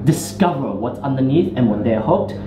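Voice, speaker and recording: A man's voice: medium pitch, expressive, moderate pace. Man talking in a roomy space. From Hong Kong. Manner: loose phrasing with many fillers and restarts. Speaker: startup founder guest. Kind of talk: casual interview talk. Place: indoor venue in Hong Kong. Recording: roomy, muffled, noisy ambience.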